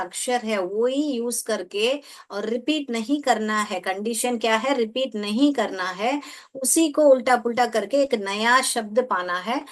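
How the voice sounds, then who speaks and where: A woman leading an online teaching workshop, coaxing her audience and spelling out letters one by one. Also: fairly high pitch. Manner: coaxing, repeats prompts, spells letters aloud. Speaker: teacher trainer.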